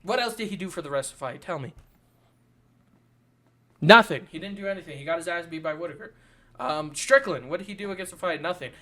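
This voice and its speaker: A man's voice: on the high side, expressive, fairly quick, long pauses, pushed and bright. A man hosting his own channel, ranting about fighters in casual, sarcastic commentary full of swearing. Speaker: channel host.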